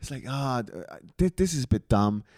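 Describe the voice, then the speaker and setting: Brisk and medium-pitched, this podcast co-host from Switzerland swears freely as he tells lively stories in relaxed conversation. The recording is dry and of studio quality.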